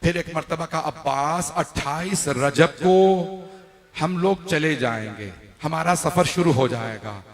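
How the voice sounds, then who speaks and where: A man from Pakistan delivering a mourning sermon, retelling scenes with voiced quotes, swinging from hushed low tones to loud drawn-out wailing cries. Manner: builds to high wailing cries, then drops to hushed quiet; urges the audience to look at him. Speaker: religious scholar preaching a majlis.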